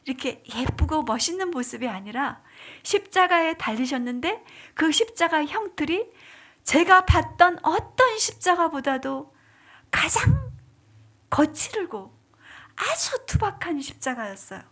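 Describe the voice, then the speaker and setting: 높은 목소리로 속삭이다 외치는 여성 간증자. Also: female voice, sits high, big pitch swings, measured pace, fairly bright tone. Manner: dramatic, drops to whispers then rises into pleading cries. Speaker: deaconess giving testimony. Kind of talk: emotional church testimony.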